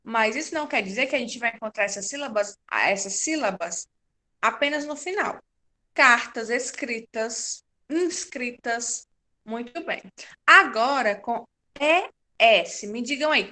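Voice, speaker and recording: A woman teacher, giving a patient, slow-paced class to young children and confirming their answers. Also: on the high side, expressive, sharp tone. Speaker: primary school teacher.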